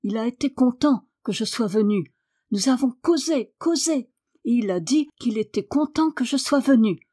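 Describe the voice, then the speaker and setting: A woman's voice: fairly high pitch, expressive, normal speed, warm tone. A woman voicing a willful young girl who speaks firmly and earnestly. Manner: firm, earnest.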